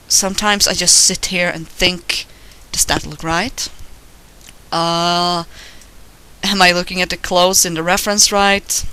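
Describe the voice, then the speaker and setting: Here a male digital artist with a Swedish accent talks through his drawing in a voice-over made while drawing, rambling casually, mocking himself and swearing from time to time. The voice is high-pitched, smooth and sharp in tone.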